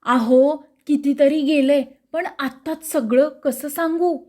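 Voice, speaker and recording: A woman reading the part of a resigned middle-aged man whose house was robbed, speaking softly. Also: high-pitched, takes it slowly.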